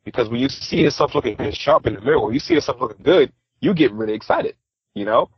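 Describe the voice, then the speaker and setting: A man's voice: medium pitch, quick pace, husky, no room sound, lo-fi sound. A man from New York City, a podcast guest, telling stories in a casual interview and acting out what others said. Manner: animated, acts out quotes of others. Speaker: podcast guest, style coach.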